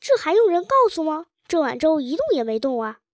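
A woman's voice: high voice, sing-song, fairly quick, dry recording, studio quality. A woman voicing a dazed young woman who talks earnestly to someone who is not there. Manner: earnest, murmuring. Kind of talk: storybook reading.

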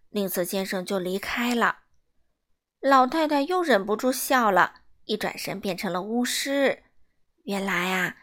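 A woman reading a children's story aloud in a playful, lively way. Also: fairly high pitch. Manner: lively, playful, asks listeners.

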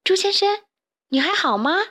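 A woman voicing a calm but firm hen who lectures the chicks, in a children's storybook. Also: very high-pitched, moderate pace, pitched above the performer's own voice, heavily acted.

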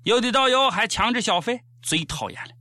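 A man's voice: very high-pitched, lively intonation, brisk, bright, forceful tone, slight background noise. A man with a Shaanxi accent hosting a comedy show, delivering scripted commentary in an exaggerated, sarcastic way.

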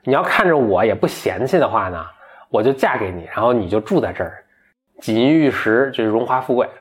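A man voicing a gentle, polite young dragon princess who speaks persuasively, in a told folktale. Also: mid-range voice, animated, brisk, slightly rough.

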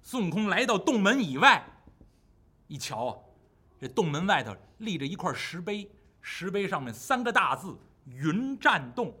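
A man's voice: high-pitched, big pitch swings, moderate pace, pushed and bright, slightly rough. A man telling a classic story in the traditional storytelling style, vivid and full of spoken sound effects.

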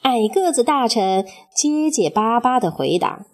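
A woman narrating a children's story in an expressive, measured storytelling manner. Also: fairly high pitch.

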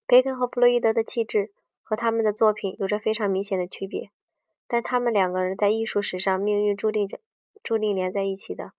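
A woman with a medium-pitched, darkish voice and fairly even intonation reads a book at a quick pace, often tripping over words, starting again, and correcting herself mid-sentence. The sound is echo-free, dry, dull, and distant.

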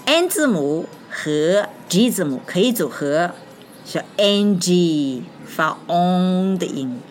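A woman teaching an English phonics lesson, speaking slowly and deliberately, spelling out letters and repeating each word. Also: fairly low pitch, big pitch swings, slight background noise.

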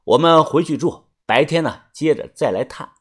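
A man's voice: fairly high pitch, normal speed, slightly rough. A man narrating a story in a chatty way, stretching particles at the ends of his phrases. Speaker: audiobook narrator.

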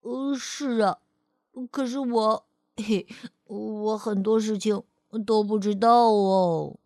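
A woman's voice: mid-range voice, fairly even intonation, slow, warm tone, dry recording, clean studio sound. A woman voicing a curious little boy in a storybook who asks wondering, hesitant questions.

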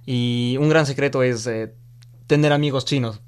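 Hombre joven ecuatoriano, charla relajada. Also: male voice, mid-range voice, moderate pace, clear, resonant tone. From Ecuador. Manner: relaxed, chatty, laughs easily. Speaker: interview guest, student of Chinese. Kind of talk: casual interview conversation.

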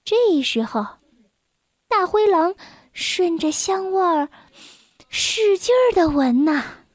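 A woman hosting and narrating a children's storybook in a gentle, expressive way. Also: extremely high pitch, slow pace, no room sound, clean studio sound. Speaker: storyteller host.

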